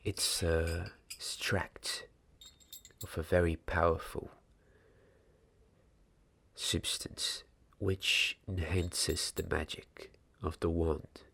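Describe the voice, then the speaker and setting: A young man whispers softly close to the mic in an ASMR roleplay as a gentle wand maker's apprentice, hushed, deliberate and halting. His low, husky voice has vocal fry and a flat delivery, set in a small candlelit indoor space.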